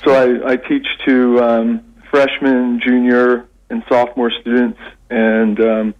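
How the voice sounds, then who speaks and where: A man's voice: medium pitch, little pitch movement, dull audio. Canadian guy calling into a radio show, midrange voice, lots of uh and restarts, radio sound. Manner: halting, with many restarts and fillers. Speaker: radio guest, English lecturer. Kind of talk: phone-in radio interview.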